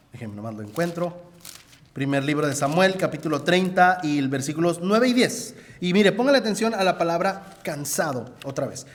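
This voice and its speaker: A man's voice: fairly high pitch, lively intonation, measured pace, long pauses. A man preaching a sermon, telling a story and speaking straight to his listeners. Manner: storytelling, addresses listeners directly. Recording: echoey hall reverb.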